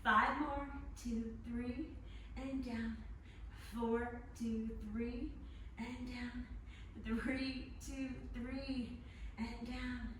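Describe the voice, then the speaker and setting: Lady aerobics instructor calling out counts n cues while working out, unhurried, super echoey room, mic kinda far off. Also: a little high, little pitch movement. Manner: counting and cueing moves in short encouraging commands; physically exerting while talking. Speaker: fitness instructor. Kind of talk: aerobics instructor leading a live workout class. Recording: very echoey room, distant mic, faint noise.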